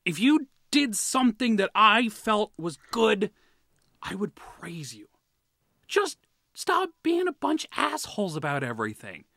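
Male podcast host, high lively voice, profane and heated, laughs a lot. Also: a little slow, creaky, no echo, studio quality. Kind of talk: casual podcast chat.

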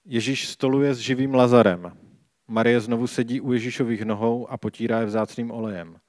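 A man reading a Bible passage aloud and reflecting on it in a calm, measured way. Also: mid-range voice, no room sound, studio quality. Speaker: scripture reader and preacher.

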